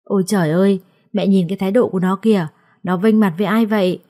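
A woman voicing a sharp-tongued sister-in-law who mocks and scolds loudly, in a storybook reading, with a mellow voice. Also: mid-range voice, fairly even intonation, quick pace, close to an everyday voice. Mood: mocking. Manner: loud, mocking, contemptuous.

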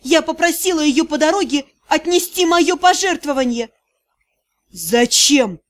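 A woman reading an audiobook, voicing a desperate, proud sixteen-year-old girl in a shrill, shaky voice. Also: moderate pace. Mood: defiant.

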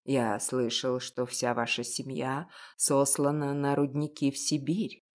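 A woman voicing a gruff old confectioner. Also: level tone. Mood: kindly, reassuring. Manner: slow, low and gruff, gently coaxing. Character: kindly old male confectioner, grumbling. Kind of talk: audiobook reading.

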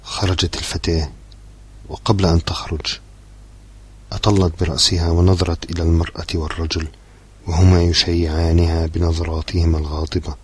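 Deep husky male audiobook narrator. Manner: measured, steady storytelling.

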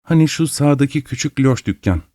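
A man's voice: mid-range voice, expressive, a little fast, dark tone, dry recording, studio quality, voice pushed up, close to an everyday voice. A man voicing a gossipy old spinster woman who giggles and exclaims, in a storybook reading. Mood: gossiping.

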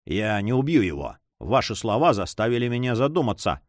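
A man voicing a cold, vengeful young count who speaks in a measured, quietly menacing way. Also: on the low side, sing-song, no room sound, studio quality.

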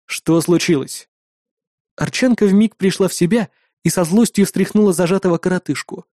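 An audiobook narrator reading a first-person fantasy story with steady, lightly dramatic storytelling. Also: medium pitch, brisk, no echo, studio quality.

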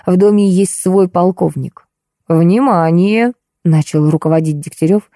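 A woman narrating an ironic detective novel in the first person, wry and even. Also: lowish voice, normal speed, no room sound, clean studio sound. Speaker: audiobook reader.

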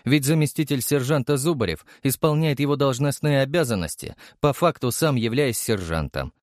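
A male audiobook narrator with a lively voice that rises and falls as he tells the story and acts out the characters. His voice sits in a middle range. The sound is dry and close. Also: mid-range voice, normal speed, no echo.

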